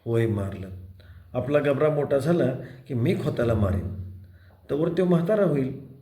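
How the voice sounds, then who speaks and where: A man voicing a village mother who scolds her son in a sharp but affectionate way. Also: medium pitch, animated, measured pace, lightly acted. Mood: resolute. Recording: roomy echo.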